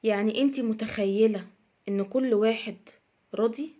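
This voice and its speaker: A woman's voice: on the high side, moderate pace, warm tone. A young adult woman with an Egyptian accent giving casual advice in a monologue, speaking emphatically and repeating her points. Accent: Egyptian Arabic. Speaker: social media advice speaker.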